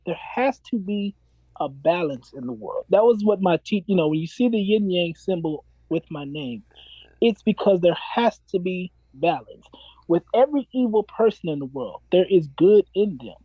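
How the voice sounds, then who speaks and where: Forties guy preaching his ideas in a chat, keeps repeating himself, higher voice. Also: animated, normal speed, slightly rough, no room sound, dull audio. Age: 40s. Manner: earnest, preachy, repeats key phrases. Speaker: self-described minister and philosopher. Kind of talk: casual interview talk.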